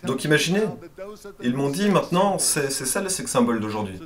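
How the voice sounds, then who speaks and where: This man's medium-pitched voice is very animated, brisk, and a bit bright. Working as a voice-over translator, he dubs a first-person motivational speech with earnest emphasis.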